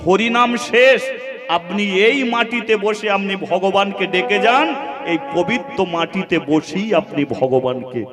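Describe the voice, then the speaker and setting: A man's voice: high voice, slow. A man telling a devotional story as a kirtan preacher before a seated audience, asking the listeners questions and repeating lists. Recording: reverberant live recording with instruments.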